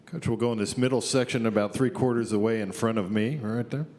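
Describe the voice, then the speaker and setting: A man moderating a press conference, briskly directing the coach to questioners in a large hall. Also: fairly low pitch, steady tone, a little mellow.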